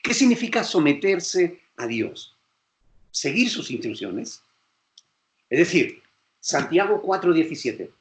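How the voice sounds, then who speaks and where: A man's voice: fairly high pitch, a bit bright, roomy sound. A male pastor with a Spain Spanish accent, preaching emphatically and acting out quoted voices. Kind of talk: sermon lecture.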